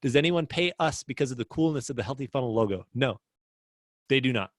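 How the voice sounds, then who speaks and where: A man's voice: mid-range voice, animated, a little fast, dry recording, studio quality. A man hosting a casual livestream lesson as a business coach, chatty and upbeat, reading viewer comments aloud.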